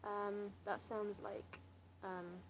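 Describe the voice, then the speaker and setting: A clearly noisy amateur recording of a young woman of about seventeen with a southern English accent. Her pitch is average for a woman. She rambles casually and hesitantly, with a wry, self-deprecating manner. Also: little pitch movement, extremely slow. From Slough, England. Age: late teens, seventeen. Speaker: amateur vlogger answering a challenge. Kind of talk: casual rambling chat to camera.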